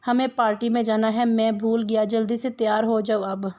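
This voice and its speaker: A woman reads the part of a bossy young man who teases and orders in a commanding, playful way. His lines come in a somewhat high, flat tone with little rise and fall, read from a romance novel. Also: normal speed, lightly acted.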